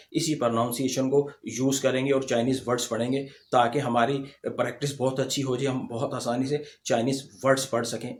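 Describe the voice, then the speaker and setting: Male language teacher with Pakistani Urdu accent, slow and patient, repeats words for drilling. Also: on the high side, darkish tone. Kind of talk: slide-based pronunciation lesson.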